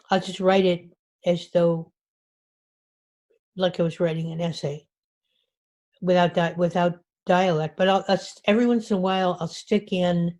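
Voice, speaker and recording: A woman's voice: fairly low pitch, darkish tone. A woman author giving an informal talk to a writers group, speaking conversationally with frequent restarts. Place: meeting room.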